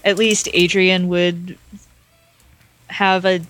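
A woman player in a casual tabletop game chat, unhurried and thinking aloud. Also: on the low side, little pitch movement, a bit bright, a little hiss or hum.

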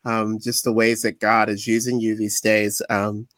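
A man's voice: on the low side, monotone, measured pace, fairly bright tone, no echo. Friendly male podcast host, dry close sound. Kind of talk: podcast intro and interview.

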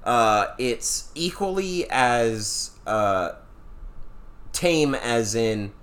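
A man co-hosting a podcast talks in a loose, casual way and drops swear words without a second thought. His voice sits at an ordinary middle pitch. He sounds at ease in an unscripted chat. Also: animated, drawn-out words, fairly bright tone. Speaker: podcast co-host.

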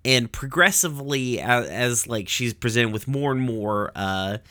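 Young guy rambling thru a cartoon recap, swears a lot, sharp bright voice, dead dry sound. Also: medium pitch, expressive, measured pace, dry recording. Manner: profane, rambling, with lots of fillers. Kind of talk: casual episode recap.

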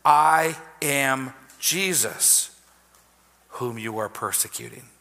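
A man preaching voices Jesus speaking from heaven in a lowered, quiet, solemn tone. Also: takes it slowly, creaky, full character voice. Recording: long hall reverb.

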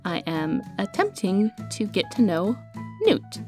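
A woman's voice: mid-range voice, moderate pace, soft background music, close to an everyday voice. An actress playing an awkward, earnest young woman with magic, rambling and hesitant as she records herself in an audio drama. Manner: rambling, hesitant, stammering when flustered.

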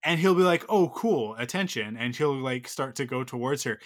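A man's voice: mid-range voice, fairly quick, a bit bright. Rambling man telling a story. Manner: rambling, filler-heavy storytelling. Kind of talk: casual chat.

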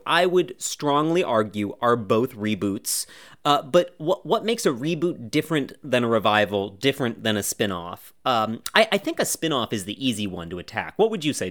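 A man hosts a television podcast in a loose, jokey way, his voice swinging widely up and down. He wanders into playful asides. He records remotely from a cabin in the woods. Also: medium pitch. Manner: jokey, animated, rambling asides. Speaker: podcast host. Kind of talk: casual podcast chat.

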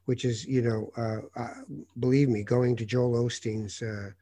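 A man from North Africa, a journalist hosting an interview, telling lively anecdotes with many hesitant fillers. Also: mid-range voice, unhurried. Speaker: host, journalist. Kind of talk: conversational interview storytelling.

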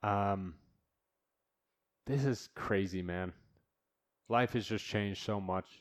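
A man's voice: lowish voice, slow pace. A man hosting a solo podcast from his new home studio, rambling bluntly and swearing freely. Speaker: podcast host.

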